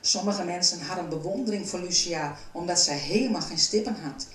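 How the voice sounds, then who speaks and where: A woman reading a children's storybook aloud in a calm, even narrating voice. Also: lowish voice, a little fast, a little hiss or hum. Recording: roomy, from a distance.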